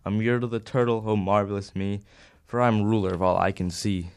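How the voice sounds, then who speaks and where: A woman's voice: rumbling low, steady tone, fairly quick, a little mellow, no echo, studio quality, pitched below the performer's own voice. A woman voicing a boastful, self-important male turtle king in a storybook reading. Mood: triumphant.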